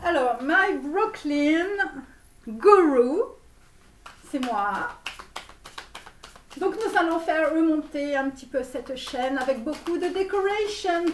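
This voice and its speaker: In a parody tarot reading, a woman plays a grandiose, pompous Romanian-born American tarot guru, speaking French in a put-on Romanian accent, sprinkling in English words and drawing out phrases. Her voice sits high and animated, with a little hiss or hum, roomy echo, and a far-off mic.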